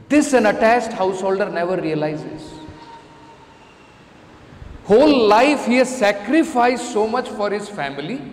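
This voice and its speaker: Echoey Indian man preaching, fairly high voice. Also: a little mellow. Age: middle-aged. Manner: emphatic, repeating phrases for stress. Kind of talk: scripture lecture with everyday examples. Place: indoor temple lecture room. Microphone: stand microphone close to the mouth. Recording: roomy hall reverb, faint background noise.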